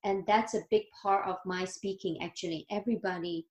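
Over a video call, a Chinese woman in her thirties tells her life story as an interview guest, earnest and grateful, with a Chinese accent and small grammar slips. Her mid-range, darkish voice keeps fairly even intonation at a slightly fast pace, and the audio is reverberant.

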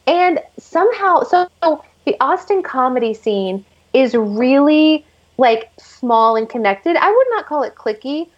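A woman's voice: high-pitched, very animated, unhurried, muffled recording. A woman chatting as an interview guest, telling stories with lots of "like" fillers. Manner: chatty storyteller, many "like" fillers. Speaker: guest actress. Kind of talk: casual interview chat.

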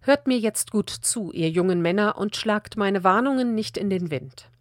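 A woman reads scripture aloud in a calm, measured delivery. Her voice sits at an ordinary middle pitch. The recording is close and dry, with no room sound. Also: dry recording. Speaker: Bible reader. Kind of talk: scripted Bible reading.

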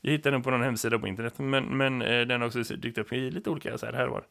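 Gravelly male teacher co-hosting a podcast. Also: mid-range voice, steady tone, a bit bright. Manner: chatty, laughs often, many fillers. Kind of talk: casual podcast chat.

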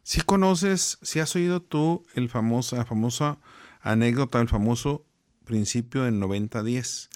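A man's voice: medium pitch, measured pace, smooth. A middle-aged man chats as a guest on a personal growth show. He tells stories with energy and slips into the voices of the people in them. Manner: animated storyteller, acting out the people in his anecdotes. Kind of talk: conversational storytelling.

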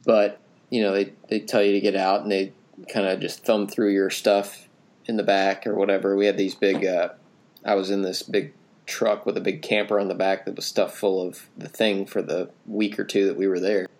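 Brief: man, 30s, slightly low voice, casual co-host, rambling storyteller with many restarts. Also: little pitch movement, moderate pace, a little mellow. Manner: rambling, self-correcting anecdote teller. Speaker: podcast co-host.

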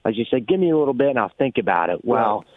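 A man's voice: medium pitch, very animated, racing, no echo. A man co-hosting a casual chat, telling stories in a rambling way with frequent restarts. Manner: rambling storyteller, restarts often. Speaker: podcast co-host. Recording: tinny phone-like line.

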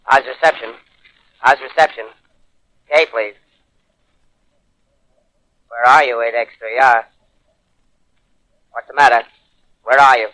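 A man's voice: mid-range voice, steady tone, slow pace, long pauses, pushed and bright, rough recording. A man playing a lone amateur radio operator who repeats call signs and questions, in the style of 1930s radio drama acting, heard as a ham radio call over the air. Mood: anxious.

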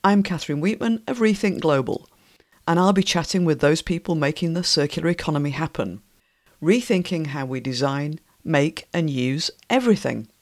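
A woman with a croaky voice from a cold, introducing a podcast episode as its host in a measured, clear read. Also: deep voice, a little mellow, no echo, studio quality. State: hoarse from a cold.

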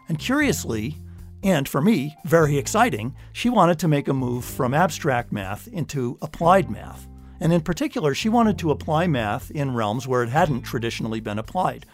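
An older man hosting a science podcast, speaking enthusiastically in a conversational way. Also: on the high side. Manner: lively, enthusiastic. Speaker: podcast host. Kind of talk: conversational interview and narration.

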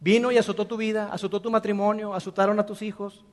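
Man, pastor's sermon, high voice, earnest and repetitive, echoing hall. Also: level tone, fast talker. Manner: earnest, repetitive emphasis, direct address to listener. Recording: long reverb of a large hall.

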